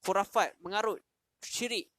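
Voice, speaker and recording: A man's voice: sits high, normal speed, a bit bright, no room sound, studio quality, pitched above the performer's own voice. Man doing a defiant pious young man. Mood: firm.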